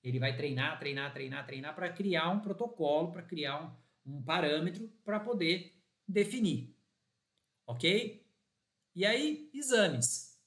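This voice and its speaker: A man gives a live dental lecture with an animated, chatty delivery, speaking straight to his audience. His voice sits a bit high for a man. The sound is echoey, as if recorded in a lecture room. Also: slow. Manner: animated, acts out patient dialogue, addresses audience as "gente". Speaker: orthodontist lecturer.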